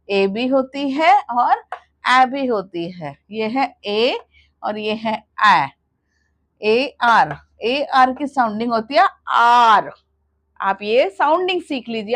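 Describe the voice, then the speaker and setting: Slow woman teaching phonics. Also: a little high, fairly bright tone, no room sound. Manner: slow, drawn-out sounding out of letters. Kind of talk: phonics lesson for mothers.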